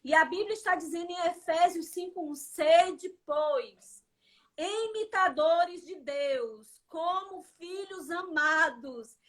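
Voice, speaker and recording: A woman preaches in a prayer livestream, her voice set high. She speaks fervently and keeps turning to her listeners as "dear". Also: slow pace, a bit bright. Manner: fervent, addresses listeners as "querido".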